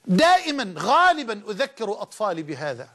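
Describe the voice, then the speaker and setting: A man preaching with a marked Egyptian Arabic accent and a high-pitched voice. He presses his listeners with rhetorical questions and drives each point home by repeating it with fervor. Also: huge pitch swings, fairly quick, fairly bright tone. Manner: impassioned, with rhetorical questions and emphatic repetition. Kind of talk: sermon.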